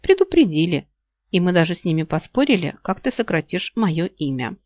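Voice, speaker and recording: A woman's voice: lowish voice, sing-song, no room sound. Storybook casting: a woman playing a composed, polite male money man, dry close sound. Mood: amused. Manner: polite, measured, slightly ironic. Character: calm courteous male financial advisor. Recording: slightly dull lo-fi audio.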